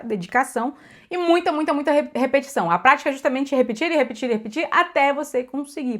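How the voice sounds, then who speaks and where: A young adult woman with a Brazilian accent gives a casual pronunciation lesson. Her voice sits a little high, and she talks in a chatty way. She keeps repeating words for emphasis and checking in with her listeners. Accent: Brazilian Portuguese. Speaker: English teacher.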